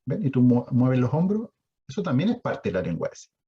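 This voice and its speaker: Husky Chilean man teaching online. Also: medium pitch, huge pitch swings, a little fast, dull audio. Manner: explanatory, asks the audience questions. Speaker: sign language instructor. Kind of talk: online lecture.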